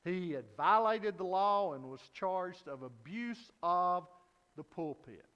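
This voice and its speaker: A man's voice: high-pitched, lively intonation, slow pace, a bit bright, big-room sound, muffled recording. A man preaching an evening sermon at a pulpit microphone, telling a story earnestly with frequent hesitant fillers. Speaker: pastor.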